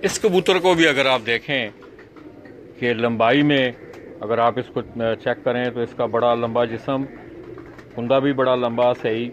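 A man's voice: mid-range voice, unhurried, slight background noise. A man showing pigeons to the camera, talking viewers through each bird and giving short instructions to a helper. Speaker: pigeon fancier vlogger. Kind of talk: explaining to camera, guiding a helper. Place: rooftop pigeon loft outdoors.

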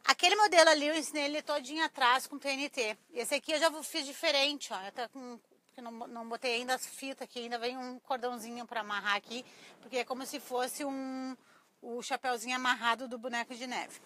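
A middle-aged Brazilian woman speaks in a thin, reedy voice that sits high and has a sharp, slightly cracked edge. She chats informally to her viewers, like a craft teacher running a relaxed live class. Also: fairly quick. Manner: chatty, informal, often addressing viewers. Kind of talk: casual live-stream tutorial chat. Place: small cluttered craft workshop indoors. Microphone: clip-on lapel mic.

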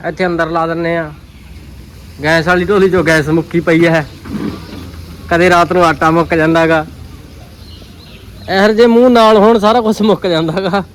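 A man's voice: sits high, moderate pace, pauses often, slight background noise. A man with a Punjabi accent vlogging in casual, colloquial banter with his roommates. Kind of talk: casual vlog chat with roommates.

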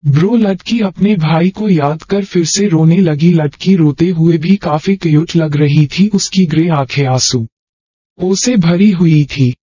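Man narrating an audiobook, steady read, dry lo-fi sound. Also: a little high, measured pace, slightly rough, no echo. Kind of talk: scripted story narration.

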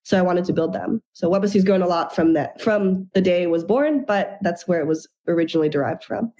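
A young woman founder speaks on a webcam video call from a room at home, her voice low for a woman and mellow in tone. She tells her story in an upbeat, fluent way as the guest of an interview. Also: fairly quick. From Japan and the United States.

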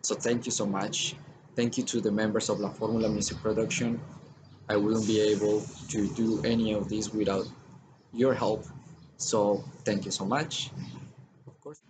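A man, hosting a casual music chat over a video call, warm and thankful, restarting his words often. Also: lowish voice, level tone, normal speed, background noise. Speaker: host, musician. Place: outdoor patio.

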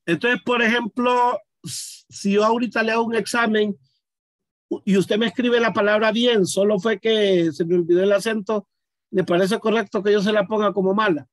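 A man teaching a class, explaining each step out loud and stopping to ask his students questions. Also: high voice, steady tone, moderate pace, dry recording, studio quality. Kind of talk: online class demonstration.

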